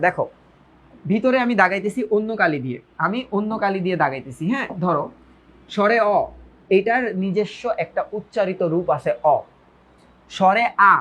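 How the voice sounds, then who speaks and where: A man's voice: sits high, lively intonation, moderate pace, sharp tone. A man teaching a grammar lecture, who repeats phrases, asks his students questions and drops English words into his talk. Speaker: Bengali grammar tutor. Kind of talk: online lecture.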